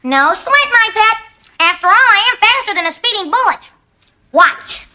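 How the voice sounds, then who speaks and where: An actor playing a nerdy, lovesick young man with a nasal, squeaky voice and an eager, oblivious manner in a broad sitcom. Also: animated, normal speed, full character voice. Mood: playful wooing. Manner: cutesy pet names, eager and oblivious. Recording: noisy sitcom soundstage with loud studio audience.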